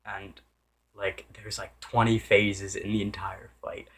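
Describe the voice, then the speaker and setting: A man's voice: lowish voice, little pitch movement, slow pace, a bit bright. A man giving a casual, unscripted game review, rambling with many restarts and self-corrections and sometimes losing his train of thought.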